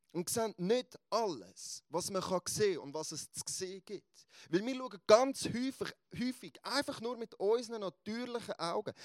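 High-voiced preacher. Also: male voice, no echo. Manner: animated storytelling, emphatic. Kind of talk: sermon.

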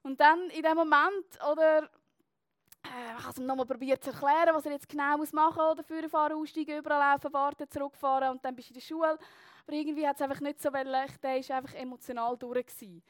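A woman's voice: sits high, steady tone, fast, dry recording. A young woman with a Swiss German accent telling a personal story to an audience in a chatty way, with many fillers and tag questions.

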